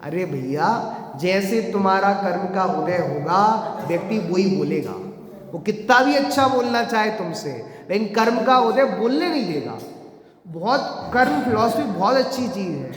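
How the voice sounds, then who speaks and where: A man's voice: high voice, animated, unhurried, crowd noise. A man preaching a sermon, telling a moral story and asking the listeners rhetorical questions. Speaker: Jain preacher. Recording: echoey hall.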